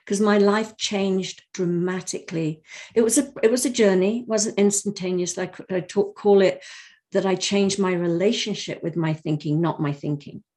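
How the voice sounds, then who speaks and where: A woman in her sixties, a life coach, telling her story in a relaxed, reflective interview. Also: medium pitch, normal speed. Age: 60s. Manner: warm, reflective storytelling with frequent laughter. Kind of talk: conversational interview.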